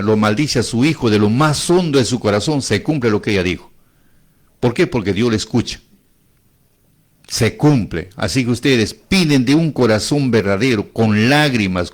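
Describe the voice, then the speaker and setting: A man preaching in a middle-pitched voice. He leans on repetition and throws out rising rhetorical questions to his listeners. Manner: emphatic, repeats phrases, rising rhetorical questions. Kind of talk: sermon.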